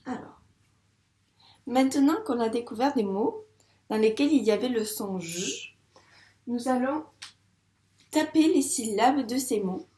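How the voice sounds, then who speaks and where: A woman's voice: on the high side, dark tone. A woman teaching a phonics lesson to a young child, speaking patiently and stretching words out syllable by syllable. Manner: patient, slow, drawn-out syllables. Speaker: first-grade teacher. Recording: roomy echo.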